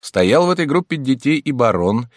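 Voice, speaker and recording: Male reader for a classic novel, animated delivery, dry booth sound. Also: medium pitch, no room sound. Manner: measured, expressive storytelling. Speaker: audiobook reader. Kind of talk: scripted literary narration.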